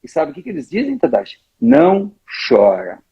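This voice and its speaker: A man's voice: sits high, sing-song, racing, husky, dull audio. A man, explaining in an emphatic, storytelling way and often turning to his conversation partner. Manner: emphatic, tells stories, often addresses the other speaker by name. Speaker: interviewee speaking on emotions.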